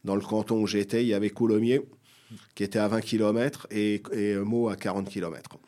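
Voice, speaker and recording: A man in his 40s or 50s from Seine-et-Marne, France, answers interview questions as a guest writer and shares personal recollections. He sounds hesitant and often repeats his phrases. His voice is fairly low and dark, with a flat delivery at a slightly fast pace.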